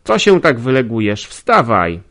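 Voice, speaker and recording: A man's voice: medium pitch, very animated, a little slow, voice pushed up. A man voicing a blunt, scolding but caring maidservant woman in an audiobook, with nagging, raised calls.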